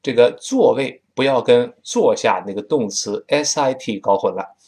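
A man from Tianjin with a Tianjin accent, teaching spoken English in a chatty style and drawing out words slowly to demonstrate them. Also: mid-range voice. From Tianjin, China. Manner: drawn-out slow demonstrations of words; lively and chatty.

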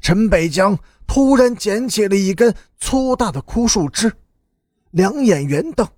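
A man narrating an audiobook with slow, dramatic storytelling. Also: high-pitched, animated, darkish tone, dry recording, studio quality.

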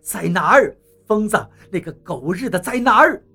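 A woman voicing a brash, fierce man in an audiobook story, shouting urgently in a raised voice. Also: medium pitch, expressive, normal speed, slightly rough, faint music behind, full character voice.

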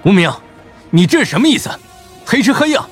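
A man voicing a smooth-talking young man who keeps pleading and refuses to back down, over faint background music. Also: a little high, big pitch swings, brisk, voice pushed up. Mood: indignant. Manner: coaxing, then indignant.

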